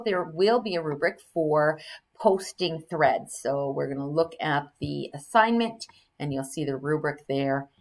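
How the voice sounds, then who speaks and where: An older woman teaching a recorded screen-share lesson, explaining an assignment step by step and reading instructions aloud, with fillers and self-corrections. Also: low-pitched. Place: indoors at a computer.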